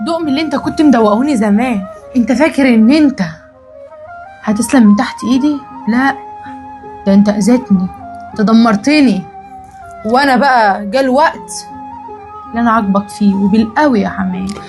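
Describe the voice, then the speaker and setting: Woman playing a spiteful Egyptian daughter-in-law, high and quick. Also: darkish tone, faint music behind, lightly acted. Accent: Egyptian Arabic. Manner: spiteful when taunting, whiny when pleading. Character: bitter young daughter-in-law out for revenge. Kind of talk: comedy sketch acting.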